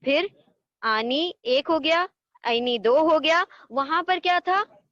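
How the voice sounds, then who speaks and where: High-voiced woman teaching grammar patiently. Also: animated, takes it slowly, fairly bright tone, no echo, highs cut off. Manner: patient, repeats word forms in drills. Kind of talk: online lesson explaining a table.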